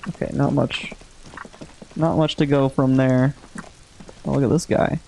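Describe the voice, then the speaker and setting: A man giving casual, low-key playthrough commentary as a gaming host, musing aloud and reading out game text. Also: little pitch movement, unhurried, vocal fry, dark tone, slight background noise, rough recording.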